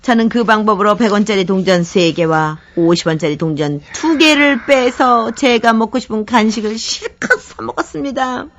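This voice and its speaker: A woman radio host reading a listener's letter as expressive first-person comic storytelling. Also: medium pitch, moderate pace, few pauses.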